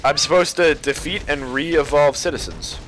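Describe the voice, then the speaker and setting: A man's voice: on the high side, moderate pace, fairly bright tone, rough recording. Dry, sarcastic man gaming, some background noise. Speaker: gamer in a group play session. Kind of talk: casual gaming chat. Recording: voice chat with clear game noise. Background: video game sounds.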